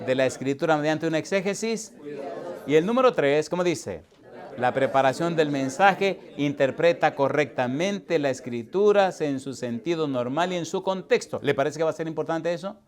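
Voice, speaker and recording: A man preaching at a seminar, his voice fairly high. He draws answers from his listeners with question after question, going from loud to hushed. It sounds like a lively teaching sermon in front of a live audience. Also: moderate pace. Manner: asks the audience constant call-and-response questions; animated, swings from loud to hushed. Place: church hall with live audience.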